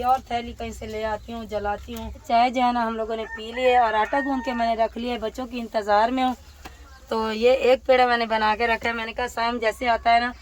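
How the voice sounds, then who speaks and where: A woman's voice: a little high, a little hiss or hum. A woman with a sore throat, chatting casually as she narrates her morning chores, often saying "jo hai na.". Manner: chatty, explaining each step, often says "jo hai na". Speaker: village family vlogger. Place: outdoor village courtyard in fog and wind.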